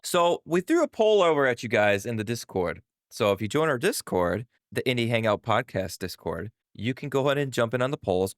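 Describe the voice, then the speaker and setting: A man's voice: medium pitch, a bit bright, no echo, clean studio sound. A man hosting a casual gaming podcast, upbeat and jokey as he runs through the segments. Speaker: podcast host.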